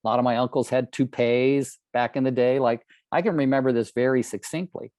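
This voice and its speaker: A man's voice: medium pitch, fairly even intonation, brisk, a little mellow, dry recording. Earnest man in his sixties, dry sound. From California, United States. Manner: earnest, emphatic, asks the audience rhetorical questions. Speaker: real estate trainer. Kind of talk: motivational training talk.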